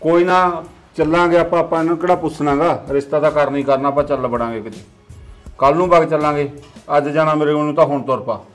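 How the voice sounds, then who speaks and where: A gruff, dismissive village father, played by a middle-aged man with a fairly high voice. He grumbles and lays down the law in a family drama, with soft music beneath. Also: fairly even intonation, quick pace, lightly acted. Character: harsh controlling village father. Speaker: father of the household.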